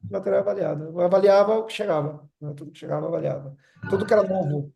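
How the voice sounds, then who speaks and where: Here a middle-aged Brazilian man, Rio-born but Salvador-raised, tells his story to a relaxed group chat, his Bahian Portuguese blended with São Paulo habits. His high, dark voice carries vocal fry and a steady tone as he talks quickly, wandering off track and ending nearly every phrase with "né?".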